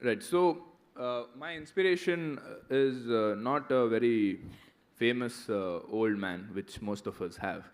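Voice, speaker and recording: A man of about thirty from India speaks as a guest at a motivational talk and Q&A, answering student questions conversationally. His mid-range voice moves at a measured pace, and he often tacks on "right?"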